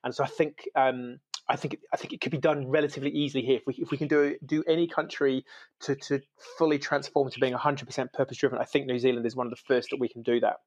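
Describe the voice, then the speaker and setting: A man's voice: mid-range voice, flat delivery, fast. A man originally from the UK, a podcast guest in casual conversation, talking with enthusiasm and laughing often. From United Kingdom. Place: lives in New Zealand.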